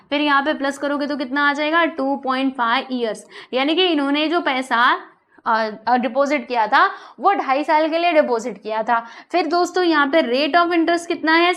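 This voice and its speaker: A young woman with a high voice walks students through a math lesson. She talks in a chatty, coaxing way and keeps asking questions. She switches easily between explaining and English math terms. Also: a bit bright. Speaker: math teacher.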